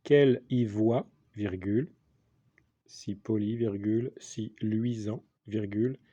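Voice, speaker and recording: A man dictating a text as a teacher, deliberately, in short repeated phrases with the punctuation spoken aloud. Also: lowish voice, mellow, no room sound. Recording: dull lo-fi sound.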